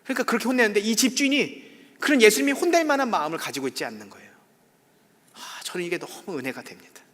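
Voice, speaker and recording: Brief: male pastor preaching, high and bright, emphatic with loud swells and quiet drops, church reverb. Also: big pitch swings, quick pace. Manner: emphatic, swings between loud peaks and soft drops. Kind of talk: sermon. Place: church sanctuary.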